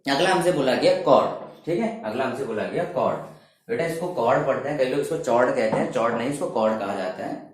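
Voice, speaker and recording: A man's voice: medium pitch, lively intonation, brisk. Echoey-voiced man teaching geometry. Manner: asks students questions and answers them himself, repeating key terms; calls students "beta", mixes Hindi with English phrases. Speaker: math teacher. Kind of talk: classroom geometry lesson. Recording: very echoey room.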